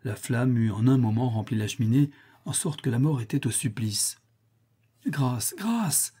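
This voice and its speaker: A man reading a classic tale aloud as an audiobook narrator, in a calm, even storytelling manner. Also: medium pitch, moderate pace, breathy edge. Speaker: audiobook reader. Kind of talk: scripted narration.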